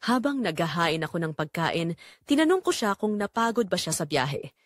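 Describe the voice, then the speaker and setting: Voicing a middle-aged mother in pain, a woman confesses heartbreak in audio drama narration, earnest and unhurried, her pitch swinging broadly. The very dry recording has no echo, and she comes across as hurt and reflective.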